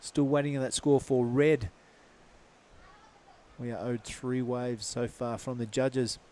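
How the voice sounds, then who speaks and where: A man's voice: medium pitch, fairly even intonation, slow, mellow. A man giving live surf contest commentary in a laid-back, casual surfer announcer manner.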